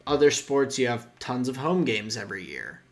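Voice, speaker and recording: A young male podcast co-host talks at normal speed, his medium-pitched voice sing-song. In this casual chat he rambles loosely, restarting often and guesstimating.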